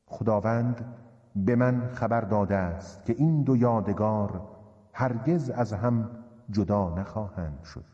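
A man voicing a solemn male prophet addressing a large gathering, speaking slowly and gravely, in a dull, reverberant recording. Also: fairly low pitch, mellow, lightly acted. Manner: slow, grave, measured oration.

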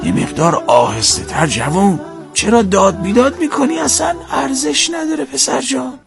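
A man's voice: extremely high pitch, lively intonation, gravelly, over music, voice pushed up, heavily acted. A man doing a kind soothing old man. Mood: gentle pleading. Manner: soothing, fatherly, pleading. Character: kind elderly man, front-seat passenger, gentle peacemaker.

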